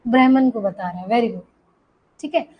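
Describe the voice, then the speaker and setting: A woman's voice: fairly high pitch, normal speed, darkish tone, slightly rough, low-quality recording. A woman teacher lecturing students in Hindi, explaining an English story line by line and checking in with them as she goes.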